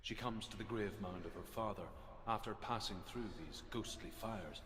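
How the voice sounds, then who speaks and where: A man playing a grave spirit storyteller in a video game, recounting old legends in a measured, solemn way. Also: on the low side, crowd noise, close to an everyday voice. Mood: ominous storytelling. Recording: echoing reverb over loud ambient game sound.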